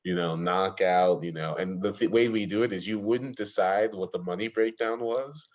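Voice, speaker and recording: Young male guest from Ohio, very low voice, eager rambling storyteller, dull lo-fi call line. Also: normal speed. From Ohio, USA. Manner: eager storyteller, many fillers. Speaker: podcast guest. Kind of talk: casual interview chat.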